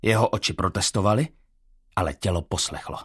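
A man reading a first-person audiobook in a measured, tense storytelling manner. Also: deep voice, a bit bright, slightly rough. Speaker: audiobook narrator.

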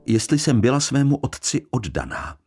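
A man's voice: mid-range voice, sing-song, close to an everyday voice. A man voicing a bitter young woman who speaks coldly, sharply and with contempt. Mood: scornful. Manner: cold, sharp, piercing, contemptuous. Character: bitter young woman, cold and scornful daughter.

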